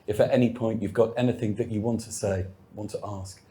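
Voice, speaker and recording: A man's voice: lowish voice, steady tone, brisk, mellow, a little hiss or hum. A man hosting a live on-stage interview before an audience. He gives formal, welcoming introductions and puts questions to his guest. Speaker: host.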